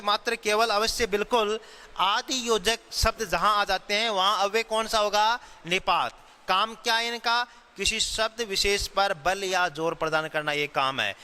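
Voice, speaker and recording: A man teaching grammar, explaining slowly, repeating key phrases and answering his own questions. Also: high-pitched, pushed and bright, smooth. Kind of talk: classroom-style grammar lesson. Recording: long hall reverb.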